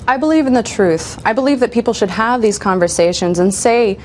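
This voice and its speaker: A woman answering interview questions in a firm, measured way, with the occasional filler. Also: fairly high pitch, slight background noise. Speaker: interview guest, women's advocate.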